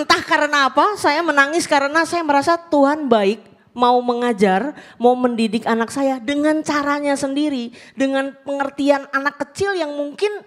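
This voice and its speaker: A woman pastor preaching a sermon, telling a personal story in a casual way and often turning to the congregation. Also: medium pitch. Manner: colloquial, mixes in English phrases.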